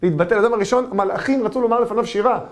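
A man, a rabbi giving a lesson, telling humorous stories in an animated way. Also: high voice. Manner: animated storytelling, acts out voices.

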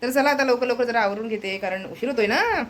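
A woman's voice: a little high, quick pace, a little hiss or hum. A woman chatting casually to her viewers in a home vlog, talking straight to the camera and cooing to her pet now and then. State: low-voiced from fasting. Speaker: vlogger.

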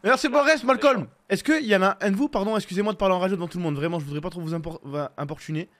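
A man streaming a police role-play game, joking and excitable as a rookie cadet. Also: high voice, rapid-fire. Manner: excitable, joking, laughs a lot.

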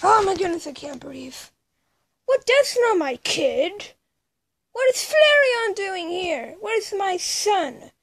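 A woman performing an improvised toy skit, voicing every part herself and switching quickly between characters with playful exclamations. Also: very high voice, big pitch swings, a bit bright.

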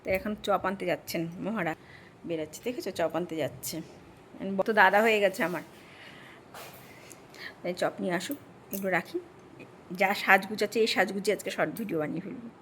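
A woman's voice: mid-range voice, moderate pace, pauses often, a bit bright, slight background noise. A middle-aged woman, chatting in a rambling home vlog and addressing viewers as friends. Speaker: vlogger. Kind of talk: casual home vlog narration.

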